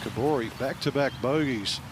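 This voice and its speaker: A man's voice: medium pitch, moderate pace, noisy background. A man commentating live on golf as an analyst.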